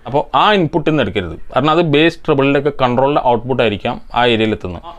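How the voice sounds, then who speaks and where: A man's voice: medium pitch, lively intonation, rapid-fire. A man from India hosting an electronics repair channel, answering viewer comments with methodical step-by-step technical explanations.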